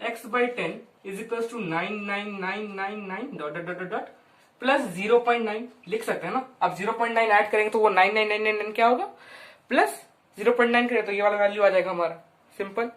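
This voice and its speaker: A woman walks through a maths proof in a loose, conversational way and keeps checking that her listeners are following. She slows right down on long runs of digits. Her voice sounds roomy and a little distant from the mic. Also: mid-range voice. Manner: chatty, keeps checking in with "ठीक है" and "हाँ". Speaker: maths teacher. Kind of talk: informal whiteboard lesson.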